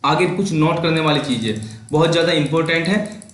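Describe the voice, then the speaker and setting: A man teaching English grammar in a casual, explaining way, with an Indian accent, often checking in with "okay?" and reading English examples slowly. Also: on the high side, fairly bright tone, echoey room.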